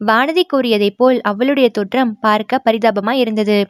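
A woman narrating a historical novel chapter in measured, clear storytelling. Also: on the high side, no room sound, clean studio sound. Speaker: audiobook narrator.

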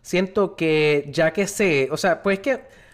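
A man's voice: a little high, takes it slowly. A man chatting about a film on a podcast, playful and joking, swearing and tossing in English words. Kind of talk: casual film review chat.

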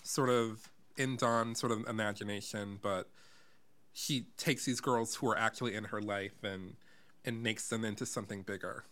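A man's voice: lowish voice, fairly even intonation, normal speed, a bit bright. A man chatting about the musical he co-wrote, rambling with lots of "sort of" and restarts. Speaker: co-writer of a musical. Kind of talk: casual chat.

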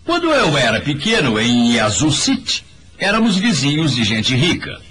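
A man delivers a motivational talk with a preachy, emphatic manner. His pitch swings wildly from low to high as he presses each point. He speaks straight to his listeners, with a faint hiss underneath. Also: wildly swooping pitch, normal speed, bright, forceful tone. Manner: emphatic, preachy, addresses the audience directly. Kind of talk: motivational speech in a voice-over.

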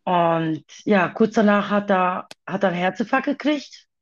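A woman talking haltingly about her own past in a personal conversation, with many pauses and fillers. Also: mid-range voice, expressive, lo-fi sound.

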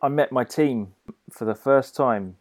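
A man's voice: medium pitch, a little slow, noisy background. A man co-hosting a podcast in casual chat, reacting to stories with short exclamations. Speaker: podcast co-host.

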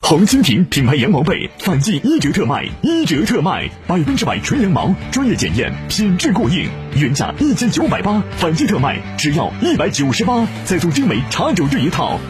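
A man delivering an emphatic infomercial sales pitch as a radio commercial announcer. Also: huge pitch swings, a little fast, few pauses. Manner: emphatic, promotional. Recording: radio ad over faint music bed. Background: music.

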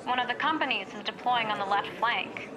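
A woman's voice: fairly high pitch, a little fast, natural voice, low-quality recording. A woman playing a self-assured, dismissive army captain giving an official field report in a radio drama. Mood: confident, dismissive. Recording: field broadcast with crowd noise behind.

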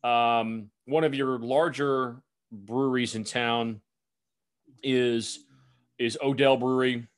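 A man's voice: mid-range voice, fairly even intonation, slow. Easygoing man podcast co-host. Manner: easygoing, dry teasing. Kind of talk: casual chat.

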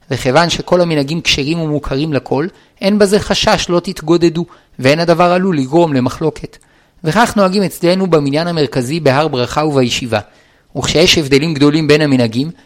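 A man reading a religious law book aloud in a measured, even, formal recitation. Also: a little high. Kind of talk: formal read-aloud of a text.

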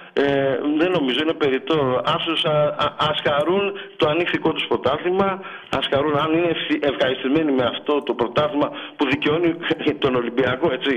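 A man phones in to a sports talk show, his words halting and repeated as he speaks proudly about his club. The line sounds dull and lo-fi, with the top end missing. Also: a little high. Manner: halting, proud fan, stumbles over words. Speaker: caller.

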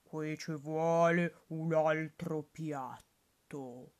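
A greedy, sly male wolf from a rhymed storybook drawls his words out slowly, as a woman reader puts him on. The voice sits low and unhurried, with a gruff, scheming edge. It is pitched low and delivered at a crawl. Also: fairly even intonation, a little mellow. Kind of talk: storybook reading.

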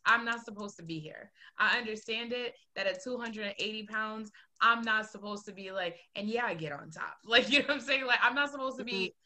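A woman's voice: fairly high pitch, a little fast, few pauses, sharp tone. A woman hosting a podcast, talking candidly and emotionally, laughing often as she speaks. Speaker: podcast host. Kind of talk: casual podcast conversation.

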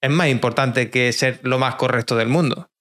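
A male streamer host chats casually in a voice of ordinary pitch. He talks in an easygoing way, full of fillers and self-corrections. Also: moderate pace, a bit bright. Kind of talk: casual chat.

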